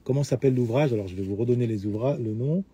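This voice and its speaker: A man's voice: medium pitch, fast, dark tone, a little hiss or hum. A middle-aged man talking at length in a lecturing way to his audience, full of hesitations and restarts. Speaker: host of a live talk answering questions. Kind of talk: unscripted lecture-style talk.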